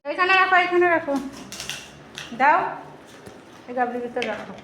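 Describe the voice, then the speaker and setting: A woman's voice: high-pitched, expressive, moderate pace, very noisy. A woman talking to her small child at bath time, coaxing in a sing-song voice and saying the same words again and again. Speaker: mother.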